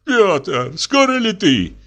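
A man's voice: high voice, big pitch swings, takes it slowly, fairly bright tone, soft background music, voice pushed up, full character voice. A man reading aloud and voicing an indignant, exhausted guest who grumbles about his host. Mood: indignant, weary. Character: weary, thirsty male guest, grumbling and indignant.

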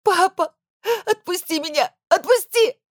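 A woman's voice: medium pitch, a little slow, a little mellow, husky, no echo, studio quality, pitched above the performer's own voice. A woman voicing a desperate young wife who cries out and pleads through sobs. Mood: sobbing. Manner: pleading, sobbing outbursts.

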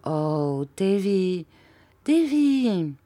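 A woman reading an audiobook aloud, voicing a timid young mother who speaks softly and meekly. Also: mid-range voice, measured pace, dry recording, voice pushed up, lightly acted. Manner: soft, meek, pleading.

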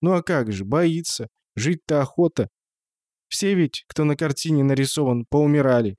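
A man voicing a frail, bedridden old spinster woman who speaks in a creaky, sighing, folksy way. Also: on the high side, normal speed, dark tone, no room sound, studio quality, pitched above the performer's own voice, natural voice. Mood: grieving.

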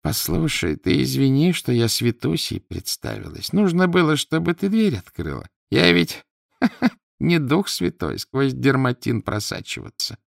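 A man voicing a mocking devilish apparition disguised as an old woman, with a shrill, squeaky voice and a sly, teasing manner. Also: big pitch swings, a little slow, vocal fry, no room sound, studio quality.

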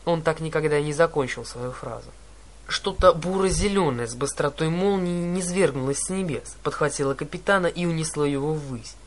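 A man reading a first-person adventure story aloud, with dramatic, animated narration. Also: on the high side, brisk. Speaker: audiobook narrator.

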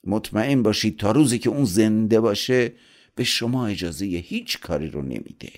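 A man's voice: fairly low pitch, animated, pitched above the performer's own voice, natural voice. A man putting on a wheedling, scheming devil. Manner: smooth, wheedling, coaxing. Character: flattering, scheming male devil tempter. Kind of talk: audiobook storytelling.

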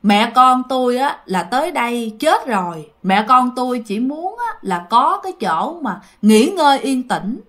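A woman voicing a stern ghost mother in a storytelling recording, speaking in a low, hushed warning tone with a Southern Vietnamese accent. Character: stern ghost mother, female adult spirit.

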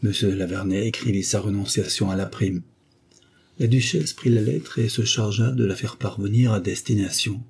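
Male audiobook narrator, measured literary reading; dark, husky tone. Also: lowish voice, fairly even intonation.

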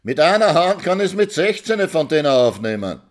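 A man reading a story aloud and voicing a rough young man who stutters and drawls in thick Viennese dialect. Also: fairly high pitch, sing-song, voice pushed up. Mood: mocking. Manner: stuttering, drawn-out, mumbled speech.

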